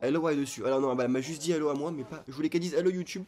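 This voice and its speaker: Excitable man narrating online casino play. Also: a little high, very fast. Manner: excitable, talks straight to viewers. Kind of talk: casual gambling commentary.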